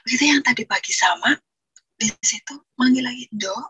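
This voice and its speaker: Husky breathy woman. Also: fairly high pitch, a little fast, bright, forceful tone, no echo, rough recording. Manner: earnest, rambling recounting with frequent restarts. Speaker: guest giving a testimony. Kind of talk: personal testimony storytelling.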